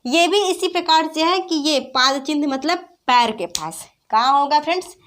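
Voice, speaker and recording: High-voiced woman teaching a grammar class. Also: lively intonation, a bit bright. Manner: repeats questions to students, addresses them as friends; patient, explains slowly with examples. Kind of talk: online class lesson.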